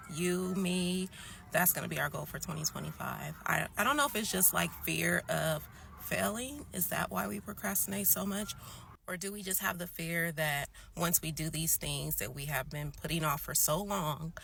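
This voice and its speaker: A woman with a gravelly, husky voice in a casual motivational chat, coaxing and checking in with listeners. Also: fairly low pitch, normal speed, pushed and bright, a little hiss or hum.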